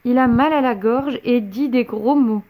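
A woman voicing a gentle, worried mother in a children's story, soft and sweet. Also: on the high side, unhurried, slight background noise, lightly acted. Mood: caring.

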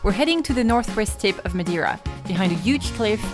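A woman narrates her travel vlog in a wry, storytelling tone. Her voice sits at an ordinary middle pitch. Music plays clearly under the voice-over. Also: animated, fairly quick. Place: voice-over, not recorded on location. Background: background music.

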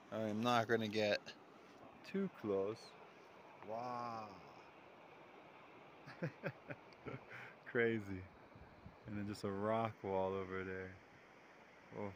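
A man with a somewhat low, slightly bright voice narrates a casual solo hiking vlog outdoors, talking into a handheld phone or camera as he walks across windy, open mountain terrain. Chatty and full of wonder, he keeps exclaiming and chuckling, and the outdoor recording comes through noisy and clicky.

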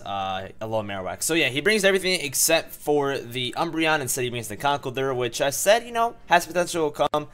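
A man's voice: medium pitch, fairly bright tone. A young man with a sore throat and a cough, chatting casually through game commentary and rambling with many fillers. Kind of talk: casual let's-play commentary.

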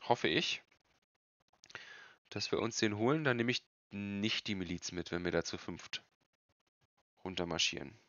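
Deep, gravelly man streaming a game. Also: a little slow, long pauses, a bit bright, no echo, dull audio. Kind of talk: casual game commentary.

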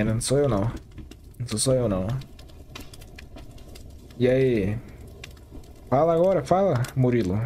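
A man's voice: mid-range voice, warm tone, slight background noise. A man with a Brazilian Portuguese accent hosting a gaming channel, joking and talking to his viewers in casual gameplay commentary. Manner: joking, talks to the viewers as he plays.

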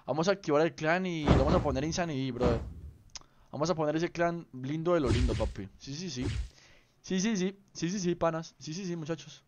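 A man's voice: a little high, brisk, noisy background. A young man, chatting casually on a game stream, teasing and greeting viewers by name. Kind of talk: casual live-stream chat.

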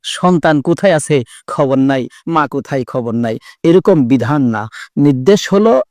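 A man with a preaching a sermon in a lively sing-song, acting out voices in his stories. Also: mid-range voice, unhurried, no echo, studio quality. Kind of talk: Bangla waz sermon.

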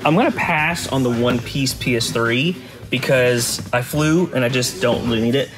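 A man hosting a video game collecting vlog, chatting excitedly as he digs through a hot Florida warehouse. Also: mid-range voice, normal speed. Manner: excited and enthusiastic. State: sweating in the heat. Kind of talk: casual vlog chat.

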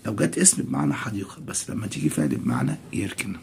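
A man with an Egyptian Arabic accent, teaching a recorded English lesson for children. He says English words slowly and explains them quickly in Arabic. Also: fairly low pitch, huge pitch swings, vocal fry, slight background noise.

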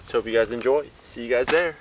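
A man's voice: mid-range voice, quick pace, far from the mic, noisy background. A young man chatting casually on a hiking trail for his vlog, laid-back and rambling, with some casual swearing. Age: young adult. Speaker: vlogger. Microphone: camera held at arm's length.

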